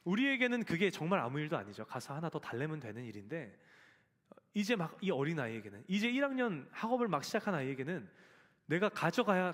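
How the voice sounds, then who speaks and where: Lively high-voiced pastor in a church hall. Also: male voice. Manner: storytelling, acts out quoted voices; addresses the congregation directly. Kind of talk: sermon. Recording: long church reverb.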